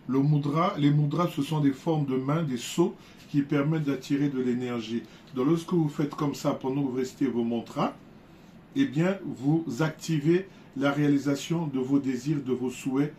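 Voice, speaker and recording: A man teaching viewers in a casual, unhurried way, often repeating words and restarting his sentences. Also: medium pitch, darkish tone, a little hiss or hum. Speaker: spiritual teacher.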